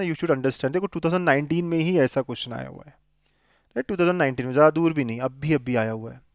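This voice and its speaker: A man's voice: on the high side, no echo, highs cut off. A man teaching an exam revision maths lesson, coaxing students with frequent checking questions. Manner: coaxing, asks many checking questions, mixes Hindi and English.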